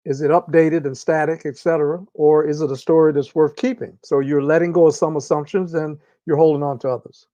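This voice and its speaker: Measured man, dull lo-fi audio. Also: a little high, fairly even intonation, warm tone, dry recording. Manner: measured and deliberate, with drawn-out pauses. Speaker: interview guest, organizational consultant. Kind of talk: reflective conversational explanation.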